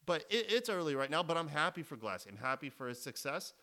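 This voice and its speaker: This sports podcast co-host speaks fast in a slightly high, sing-song voice that sounds pushed and bright. The chat is casual and animated, full of swearing and restarted sentences.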